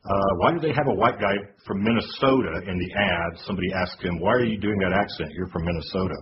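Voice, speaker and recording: A man with a very deep voice hosts a casual podcast, reading out quotes and pausing often on fillers. The recording is dull and lo-fi, with steady noise underneath. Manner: hesitant, many fillers, reads quotes aloud. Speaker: podcast host.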